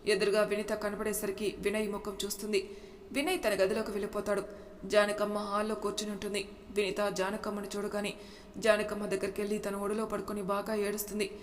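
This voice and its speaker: A woman narrating a serialized audiobook story in a steady, even reading. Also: medium pitch, brisk. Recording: reverberant room with faint noise.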